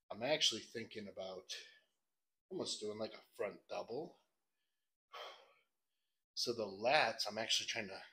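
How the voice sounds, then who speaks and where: Man, lowish voice, casual workout vlog talk from a garage gym, coaching himself. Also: sharp tone. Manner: coaching himself, grunting through hard sets. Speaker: bodybuilder training in a gym.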